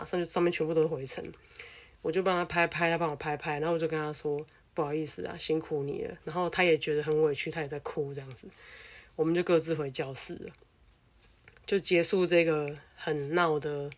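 With a low-pitched voice and a Taiwanese Mandarin accent, a young adult woman narrates her own story. Her manner is loose, animated and outspoken, and she swears liberally.

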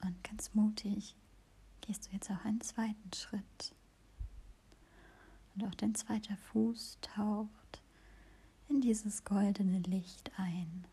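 Slow, gravelly whispering woman. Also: mid-range voice, fairly even intonation. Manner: slow, soft, soothing whisper. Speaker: podcast host and meditation guide. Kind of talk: whispered guided meditation.

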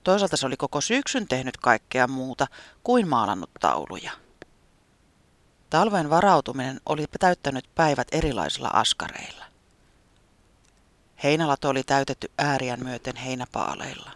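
Expressive storybook narrator, gentle. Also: mid-range voice, no room sound. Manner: gentle, expressive, sometimes whispery. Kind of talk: reading a children's story aloud.

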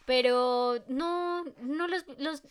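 A woman with a Mexican Spanish accent trading stories on a casual podcast. Her voice sits high, and she tells anecdotes with lively energy and frequent laughter. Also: extremely slow. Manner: lively storyteller, laughs often. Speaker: podcast co-host. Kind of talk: casual chat.

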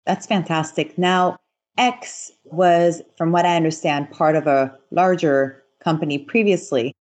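A woman's voice: lowish voice, fairly even intonation, measured pace, darkish tone. A woman interviewing a guest, encouraging, asking short questions. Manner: encouraging, brief prompts. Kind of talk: conversational interview.

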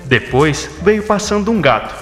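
A man narrating a scripted children's story in an expressive, theatrical way. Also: high-pitched, unhurried. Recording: echoey, long reverb, music behind.

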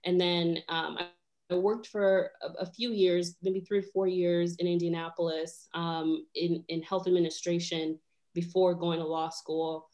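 A woman near thirty, born in Rwanda, talks casually as a podcast guest. Her voice sits a bit low, and she fills pauses with ums and laughs easily. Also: little pitch movement, a little mellow. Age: 20s. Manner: chatty, many fillers, laughs easily. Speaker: guest lawyer.

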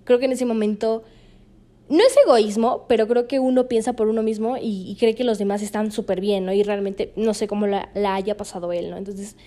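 A woman's voice: medium pitch, steady tone, a little fast, mellow. A young Mexican woman, a podcast host, telling a personal story in casual chat, laughing often between fillers.

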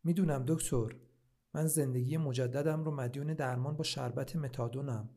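A troubled male patient with a quiet, trembling voice, as a man reads him aloud. His gravelly, creaky tone sits at a middle pitch. It is told like a storybook. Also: fairly even intonation, lightly acted. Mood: pained. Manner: quiet, shaky voice. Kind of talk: storybook reading.

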